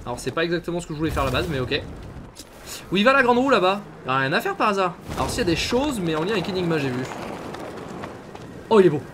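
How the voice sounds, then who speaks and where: A French man streaming a game, his voice riding high and bouncing all over. He chats and curses at his viewers. Clear game noise plays under him. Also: very animated, racing, bright, forceful tone. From France. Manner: chatty, swears, talks to viewers. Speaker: gaming streamer. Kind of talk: let's play commentary. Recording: game sound mixed behind voice.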